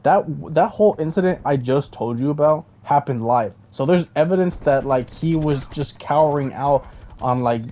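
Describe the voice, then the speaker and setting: A man's voice: on the high side, moderate pace, dark tone. A man giving casual rambling commentary, stammering and restarting, often checking in with "okay?". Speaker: commentary vlogger.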